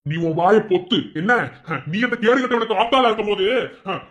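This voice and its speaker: A man's voice: sits high, brisk, fairly bright tone. A man voicing a curt, commanding village father. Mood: angry. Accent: Madurai Tamil. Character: gruff middle-aged village father, protective of his daughter.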